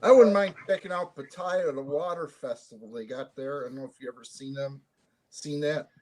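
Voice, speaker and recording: A man with a slightly higher voice rambles casually on a live stream. He sits too far from his microphone, so his voice comes out hollow and distant, as if he were calling up from the bottom of a well. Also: brisk, a little mellow. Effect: distant, hollow sound, as if falling down a well. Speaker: regular on a live-stream chat. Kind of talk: casual chat.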